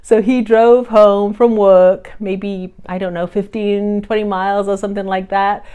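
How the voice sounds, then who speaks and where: A woman with a smooth, resonant voice tells a holiday memory from her childhood. She speaks plainly and reflectively, at an even, middle pitch. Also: a little slow. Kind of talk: casual storytelling to family.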